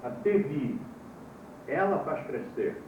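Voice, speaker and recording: A man with a Brazilian Portuguese accent teaching a class, slowly spelling out terms, heard from an old VHS tape recording. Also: fairly high pitch, animated, phone-quality sound. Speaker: yoga teacher. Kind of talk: classroom lecture. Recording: hissy old VHS tape, echoey room, far mic.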